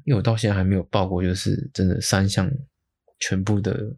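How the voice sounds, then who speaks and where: A man's voice: deep voice, little pitch movement, brisk, creaky, darkish tone, breathy edge. A man hosts a podcast, chatting loosely and airing his opinions with lots of tag questions. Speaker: podcast host. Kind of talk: casual opinion chat.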